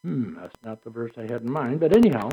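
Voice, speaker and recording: A man's voice: mid-range voice, big pitch swings, fairly quick, mellow, slightly rough, dull audio. An older man preaching a sermon in a conversational way, asking rhetorical questions. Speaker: pastor.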